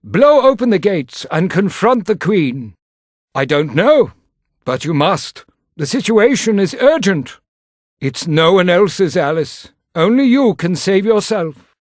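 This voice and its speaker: An actor playing a grave, weary, cryptic guide in a video game, speaking with solemn, admonishing deliberation. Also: male voice, sits high, very animated, slow, dry recording, studio quality, exaggerated voice. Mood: urgent admonishing. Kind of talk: video game character acting.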